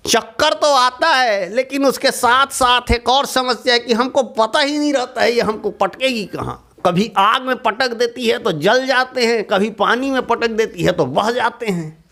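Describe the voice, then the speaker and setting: A man's voice: very high voice, a little slow, bright, forceful tone, heavily acted. A man voicing a timid, easily frightened little male leaf in a children's story, with a quavering, pleading way of talking. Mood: explaining.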